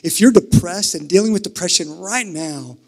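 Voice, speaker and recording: Man, pastor, pulpit microphone, earnest sermon, emphatic then hushed, reverberant sanctuary. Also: sits high, moderate pace. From Kentucky.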